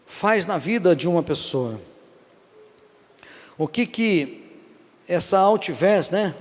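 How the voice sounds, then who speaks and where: High-voiced Brazilian pastor preaching. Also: male voice, in a large hall. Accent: Brazilian Portuguese. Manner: animated storytelling, frequent "amém?" to the congregation. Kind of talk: sermon. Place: church service.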